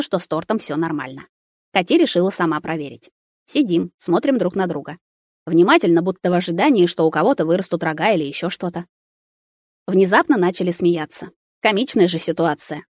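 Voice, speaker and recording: Animated woman reading a story aloud. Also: fairly low pitch, no room sound, studio quality. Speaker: audiobook reader. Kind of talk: storybook narration.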